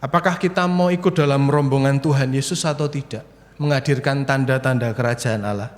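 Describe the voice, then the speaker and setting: A man's voice: mid-range voice, steady tone, brisk. A young male preacher giving a sermon, chatty and storytelling, talking to the congregation at home. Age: young adult. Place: church, streamed to people at home. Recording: reverberant church hall.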